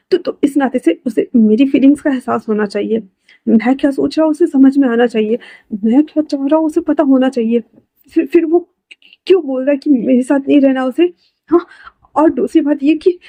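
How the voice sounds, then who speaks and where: Anguished, stammering young alpha, done by a female storyteller; slightly high, mellow. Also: no echo. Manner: stammering, insistent, then soft and coaxing.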